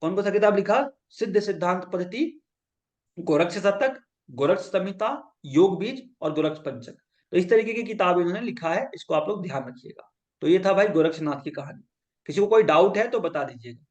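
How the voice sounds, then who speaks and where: Male yoga teacher lecturing a class, high voice, storytelling, keeps checking that the students follow. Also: lively intonation, normal speed, darkish tone. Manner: asks the class to repeat points back; acts out quoted lines as he tells stories.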